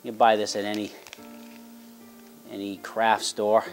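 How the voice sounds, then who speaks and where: Speaking at a measured pace in a lowish monotone, this middle-aged man hosts a hunting and fishing show as a folksy, encouraging barbecue dad, casually explaining things to family and camera. The recording is rough, with soft music behind him.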